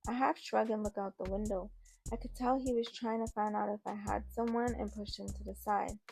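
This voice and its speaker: A woman's voice: mid-range voice, steady tone, fairly quick, gravelly, darkish tone, slight background noise. A woman telling a first-person story in a casual, conversational way. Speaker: narrator.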